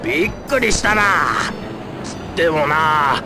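High-pitched folksy middle-aged fishmonger. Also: male voice, animated, unhurried. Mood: friendly, apologetic. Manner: folksy, rough colloquial speech. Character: friendly middle-aged neighborhood fishmonger, plain-spoken man. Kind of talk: video game voice acting. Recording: music behind the voice.

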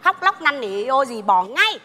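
An actress playing a bossy, sharp-tongued middle-aged mother, mocking and scolding in a live stage comedy sketch. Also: sits high, sing-song, moderate pace, exaggerated voice. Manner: mocking, scolding, chuckling insults. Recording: live stage with music and audience.

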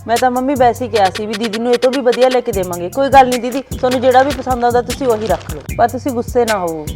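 A woman playing a gentle young daughter-in-law with an Indian Punjabi accent, softly pleading. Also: fairly high pitch, racing, lightly acted. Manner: soft, pleading. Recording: background music under the speech. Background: music.

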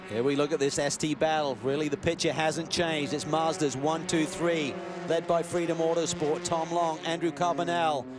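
A man doing excited play-by-play motorsport commentary, calling the action briskly. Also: noisy background. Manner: brisk, excited calls that rise in pitch at key moments. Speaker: lead race commentator.

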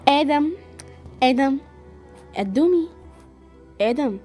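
A woman with an Egyptian accent voicing a scheming young woman who taunts in a drawn-out way. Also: high-pitched, animated, a little mellow, faint music behind. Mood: taunting.

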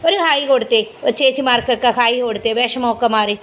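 A woman's voice: a little high, fast talker, fairly bright tone. A woman, filming at home on a phone and talking to her pet dog in fond, sing-song baby talk. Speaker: pet vlogger. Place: home indoors.

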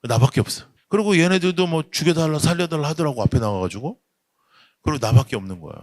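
A middle-aged male pastor preaching at a youth camp, telling a humorous story with lively, acted-out voices. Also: a little high, quick pace, dry recording, studio quality. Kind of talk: sermon.

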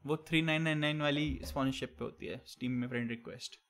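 A man's voice: medium pitch, steady tone, quick pace, a bit bright. A young man live-streaming, reading out viewer chat with teasing banter and tossing in English catchphrases. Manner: mixes English catchphrases into Hindi. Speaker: game streamer.

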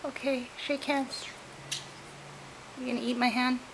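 A woman's voice: sits high, level tone, measured pace, background noise. A young woman chatting to her pet parrots in sing-song baby talk, some lines half whispered, in a home video. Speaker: parrot owner filming her birds. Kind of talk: casual chat with pet birds. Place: home room with birds. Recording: home video with bird chirps behind.

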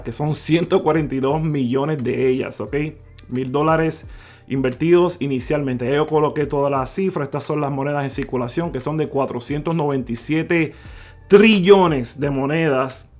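A man hosting a crypto video, talking viewers through numbers on screen, calling them "mi gente" and repeating figures slowly. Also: on the high side, a little mellow. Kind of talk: screen-share explainer talk. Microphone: voice-over on screen recording.

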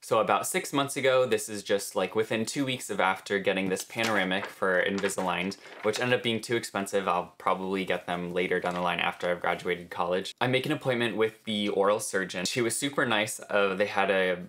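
A man's voice: deep voice, brisk, few pauses, a bit bright. A young adult man chatting casually through a personal storytime vlog, quoting what others said as he goes. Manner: chatty, recounts others' words in quotes. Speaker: vlogger. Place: small bedroom, indoors.

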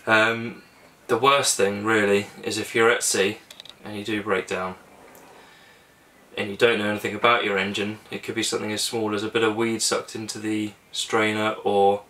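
At a normal speed and in a lowish voice, a young man casually explains how to check a boat engine, step by step, inside a small cabin. The mic is distant and there's a little hiss or hum; he's a sailing vlogger, relaxed and practical, using fillers.

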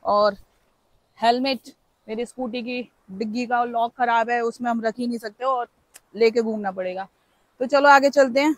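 This travel vlogger, a young woman, gives casual walking commentary on a forest hike, talking playfully into a handheld phone camera and letting out exclamations. Her voice is a little high with fairly even intonation and a moderate pace; the recording is rough but has no echo.

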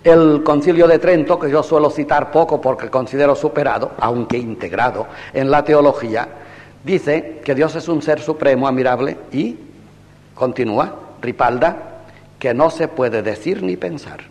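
A man's voice: on the high side, normal speed, a little mellow, big-room sound. An older man, a priest, giving a classroom lecture on theology, asking his listeners rhetorical questions and acting out quoted exchanges.

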